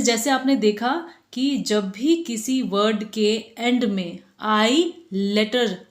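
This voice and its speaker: A woman in her thirties hosts a phonics lesson and speaks slowly with a slightly high voice. She repeats every rule patiently and mixes Hindi with English. The sound carries an echo from the room. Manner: patient, repeats each rule several times. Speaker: teacher and channel host. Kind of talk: phonics lesson for parents and kids.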